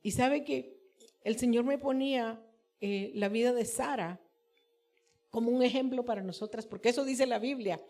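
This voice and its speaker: A woman pastor preaching a fervent sermon at a women's conference, reading Bible verses slowly and building to loud, emphatic passages. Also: fairly high pitch. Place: church.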